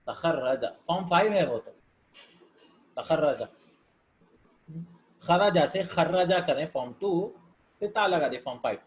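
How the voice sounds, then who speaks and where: A man's voice: on the high side, animated, pauses often, slight background noise. A man teaching Arabic grammar in a casual lesson, reading words aloud and explaining them in with English terms mixed in, sometimes thinking aloud.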